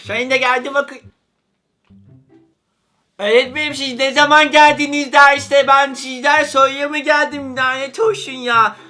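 A man's voice: very high voice, sharp tone. Young man whining in a comedy sketch. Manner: whiny, excuse-making schoolboy act.

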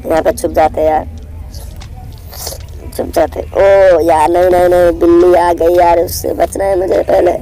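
A young man, hoarse from a cold, giving jittery live commentary on a horror game, repeating words in quick bursts. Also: high voice, little pitch movement, dark tone, soft background music, low-quality recording. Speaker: gaming channel host.

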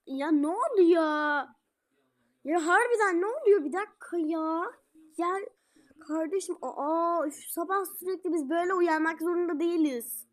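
A woman's voice: extremely high pitch, normal speed. A woman voicing a fed-up teenage daughter in a toy-game role-play, whiny and complaining. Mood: annoyed.

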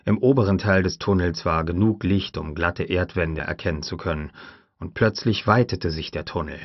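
Deep-voiced male audiobook narrator. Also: normal speed, no echo, highs cut off. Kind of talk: scripted narration.

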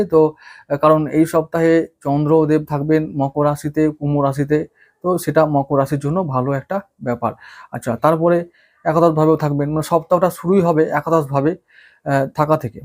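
Guy doing a chatty weekly horoscope, a bit high voiced, asks himself questions as he goes. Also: a little mellow. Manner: chatty, folksy, with fillers and rhetorical questions. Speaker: astrologer. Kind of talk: casual horoscope talk.

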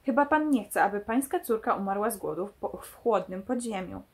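A woman's voice: medium pitch, lively intonation, a little fast, slightly rough. A woman reading the lines of a sly, mocking male crook from a novel aloud, giving him only a light voice. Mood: scheming.

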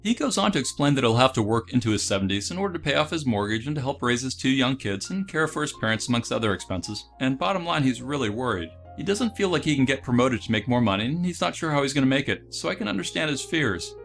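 A man's voice: medium pitch, expressive, fast, vocal fry, hardly any pauses, fairly bright tone, soft background music. A man hosting an investing channel, delivering scripted voice-over commentary in an earnest, advisory way. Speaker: dividend investing channel host.

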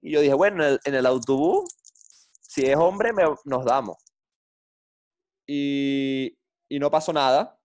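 A middle-aged man, a former footballer telling blunt, animated stories in an interview. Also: mid-range voice, unhurried, long pauses. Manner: blunt, animated storyteller with slang. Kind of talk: interview storytelling.

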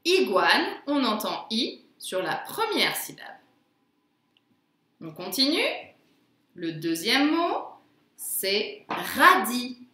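A woman teaching a phonics lesson to young children, sounding out words slowly and carefully. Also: fairly high pitch, huge pitch swings, fairly bright tone, reverberant. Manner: slow, careful, drawn-out word pronunciation.

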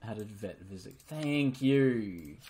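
A woman streaming an online game, swearing constantly and yelling in frustration at other players. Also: extremely low pitch, lively intonation, slow, slight background noise. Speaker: gaming streamer. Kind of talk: live commentary while playing an online game.

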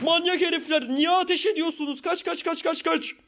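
A man's voice: very high voice, normal speed, fairly bright tone. A man voicing an exasperated, short-tempered young newcomer in a Minecraft parody, grumbling and sighing at everyone in his way. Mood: panicked. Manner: grumbling, sighs "tövbe tövbe".

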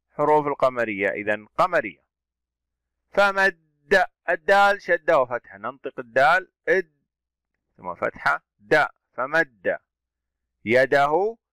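A man teaching an Arabic reading lesson, sounding out letters and vowels slowly, asking questions and praising his pupils. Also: medium pitch, bright, forceful tone, dry recording. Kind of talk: classroom reading drill.

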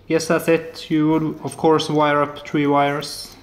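A fairly high-pitched, monotone voice takes things slowly as a Norwegian man in his thirties, with a Norwegian accent, shows his hobby electronics build in a casual tech demo. The hobbyist maker is soft-spoken and hesitant, with lots of filler sounds. Slight background noise and an echoey room mark the recording, made indoors in his apartment living room and kitchen.

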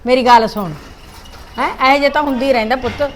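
A woman's voice: high-pitched, fast, slight background noise. A woman with a Punjabi accent playing an aunt in a village drama, soothing and motherly. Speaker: actress playing an older aunt.

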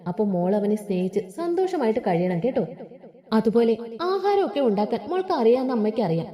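A woman's voice: a little high, big pitch swings, fairly quick, mellow. A woman reading as a tender village mother. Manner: tender, coaxing. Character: loving, worn-out village mother.

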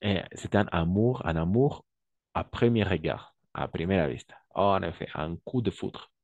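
A man's voice: sits low, normal speed, creaky, darkish tone, no echo, lo-fi sound. A man teaching French in an online class, patiently repeating each word and translating into Spanish. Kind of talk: online language lesson.

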